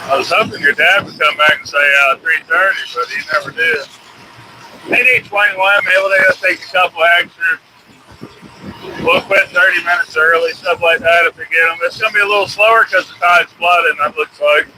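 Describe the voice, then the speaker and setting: Higher-pitched man chatting over loud motor noise. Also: moderate pace. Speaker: shrimp boat fisherman hosting a live stream. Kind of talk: casual chat while working on a boat. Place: outdoors on a working shrimp boat. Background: loud motor and vehicle-like noise.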